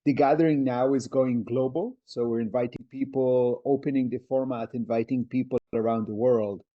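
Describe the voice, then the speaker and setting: A man's voice: mid-range voice, fairly even intonation, moderate pace, highs cut off. A man hosting an interview podcast, talking in a reflective, explanatory way. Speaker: podcast host. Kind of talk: conversational interview.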